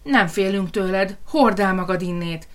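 A woman voicing a brave, clever young piglet from a storybook who speaks loudly and boldly. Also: mid-range voice, lightly acted. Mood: defiant.

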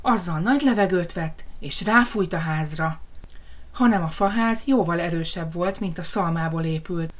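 Lively woman reading a children's tale. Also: fairly low pitch. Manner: lively, expressive storybook narration. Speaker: storyteller.

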